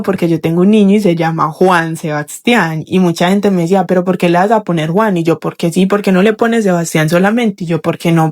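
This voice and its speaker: A woman's voice: lowish voice, a little mellow. Young woman, listener testimony, voice message, rambling, emotional, lots of restarts and false starts. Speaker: podcast listener sharing a testimony.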